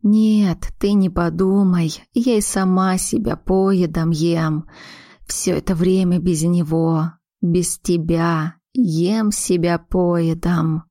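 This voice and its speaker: A woman's voice: mid-range voice, unhurried, darkish tone, no room sound, clean studio sound. A woman voicing a wounded, emotional grown daughter, pleading and breaking with feeling, in a read audiobook.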